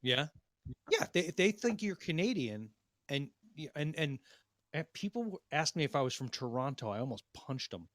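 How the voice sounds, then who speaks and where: A man's voice: fairly high pitch, very animated, normal speed, a bit bright, no echo. A man hosting a podcast in casual banter, rambling with restarts and crude jokes. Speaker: podcast host.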